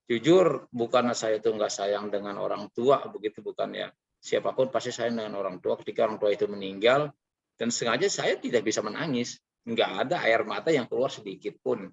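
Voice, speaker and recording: A man earnestly sharing a personal testimony, halting and confessional, with frequent filler sounds. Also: fairly low pitch, gravelly, breathy edge, highs cut off. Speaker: training participant sharing his experience.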